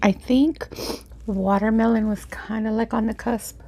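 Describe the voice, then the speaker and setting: A woman hosting an eat-with-me video, chatting casually in an unhurried, halting way as she thinks aloud. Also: a little high, fairly even intonation, dark tone. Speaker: mukbang video host. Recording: faint background noise.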